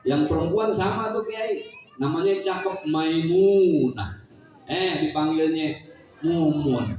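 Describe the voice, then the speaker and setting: With a Betawi Malay accent, a Jakarta man gives a funny religious talk to a community gathering, teasing listeners with questions. The voice is on the high side and dark in tone. The sound is echoey and distant, like a hall, with slight background noise.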